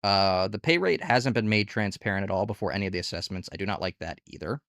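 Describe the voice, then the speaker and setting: A fast-talking man with a lowish, fairly bright voice hosts a casual, candid review and tutorial of online gig work platforms, throwing in rhetorical questions. It's recorded at studio quality without echo.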